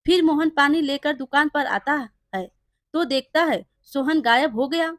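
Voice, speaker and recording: High-voiced woman telling a folk tale. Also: measured pace, fairly bright tone, no echo, clean studio sound. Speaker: storyteller, channel host. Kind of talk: children's story narration.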